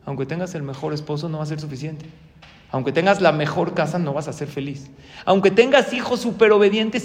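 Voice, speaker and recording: A man with a Mexican accent gives a lively sermon as a rabbi, putting questions to his audience. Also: fairly high pitch, big-room sound.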